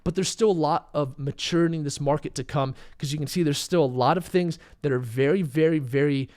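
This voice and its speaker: Hoarse and slightly under the weather, this young crypto channel host chats casually through a live market stream, using filler words and reading questions from chat. He speaks a little fast at a fairly high pitch, with a darkish tone, and his voice is starting to go.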